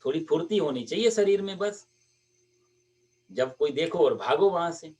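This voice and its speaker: A man's voice: on the high side, animated, moderate pace, a little mellow, recorded from a distance, lightly acted. A man voicing a playful, mischievous young male god who coaxes his friend in a sermon story.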